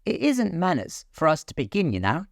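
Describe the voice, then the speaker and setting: A man's voice: a little high, huge pitch swings, moderate pace, gravelly, dry recording, studio quality, voice pushed up, heavily acted. A man voicing a proud, critical female rose in a storybook reading. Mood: haughty. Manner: haughty, critical.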